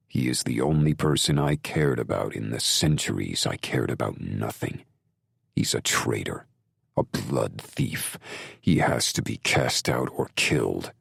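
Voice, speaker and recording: A man narrates a gothic audiobook in the first person with a brooding, intense delivery. His voice is extremely deep and gravelly with a husky edge, and he takes his time. The recording is dry and close. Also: dry recording.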